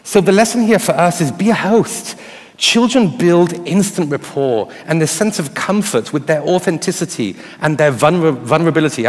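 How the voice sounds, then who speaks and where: Higher-voiced man speaking on stage, echoing hall. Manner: addresses the audience with rhetorical questions. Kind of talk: live conference talk on stage. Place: on stage in a large hall before an audience. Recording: reverberant hall with audience sound.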